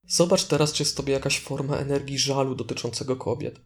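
With gentle prompts and a calm, unhurried delivery, this meditation instructor leads listeners through a guided session. He is a man whose voice sits at medium pitch.

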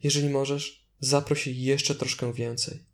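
Calm guy doing guided meditation, flat steady voice, medium pitch, gently telling you what to do. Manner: calm, deliberate, instructing with gentle prompts.

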